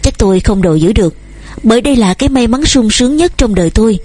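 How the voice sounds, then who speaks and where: A woman's voice: fairly high pitch, animated, fast, dark tone. A woman voicing an earnest, devoted young man who courts eagerly and speaks at length.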